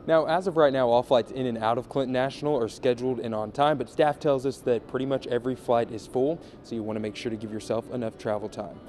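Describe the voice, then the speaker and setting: A man reporting live for the local news from an airport arrivals area, in a measured, polished delivery. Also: medium pitch, steady tone, a little mellow. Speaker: field reporter. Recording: noisy airport background.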